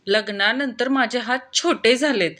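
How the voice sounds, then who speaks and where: A woman's voice: a little high, moderate pace, fairly bright tone, natural voice. A woman voicing a middle-aged wife who complains in an aggrieved, exaggerating way. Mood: complaining.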